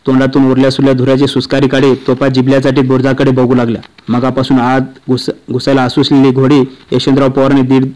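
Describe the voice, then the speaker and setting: Monotone man reading a novel aloud. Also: mid-range voice, poor audio. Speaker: audiobook reader.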